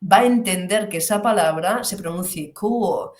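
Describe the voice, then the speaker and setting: Animated woman teaching in an echoey room. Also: medium pitch. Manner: animated, stretches English model words slowly for emphasis. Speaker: English pronunciation teacher. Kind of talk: online class lecture.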